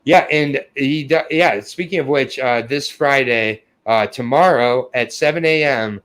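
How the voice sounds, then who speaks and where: A young man co-hosting a casual podcast, mixing profanity with self-deprecating humor. His voice sits at an ordinary middle pitch, and he gets flustered and trips over his words when praised. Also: a little slow, fairly bright tone. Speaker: podcast co-host. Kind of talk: casual chat.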